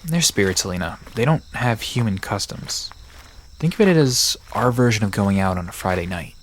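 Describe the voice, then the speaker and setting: A man's voice on the low side, animated and close to everyday speech, carries this audio drama role of a friendly young man explaining folklore. He keeps a normal pace and a relaxed, reassuring mood, while music and crickets sound behind him over a slight hiss or hum.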